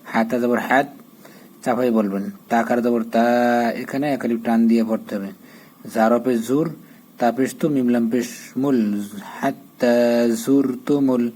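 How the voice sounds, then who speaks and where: A man teaching how to read a Quran chapter, spelling out the Arabic letter by letter and then intoning each verse slowly. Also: medium pitch, fairly even intonation, warm tone, rough recording.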